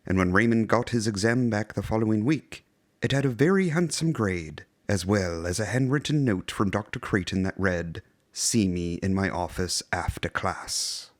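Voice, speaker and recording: A man playing a genteel horror anthology host, narrating scripted tales in a measured, theatrical, vintage style. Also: on the low side, dry recording, studio quality, natural voice. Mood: storytelling.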